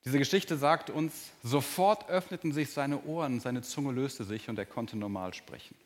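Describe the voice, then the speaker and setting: A man delivers a sermon in a plain mid-range voice. He talks earnestly to his congregation and shifts between brisk explaining and soft, slow emphasis. The talk is recorded in a church hall. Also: medium pitch. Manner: earnest, varies pace and volume, drops to soft, slow emphasis. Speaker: pastor.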